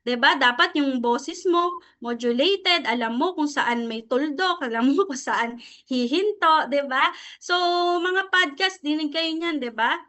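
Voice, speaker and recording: Speaking high, bright and pushed but unhurried, a middle-aged Filipino trainer teaches presentation skills to a sales team. She switches freely between Tagalog and English and pauses to check on her audience nearly every phrase.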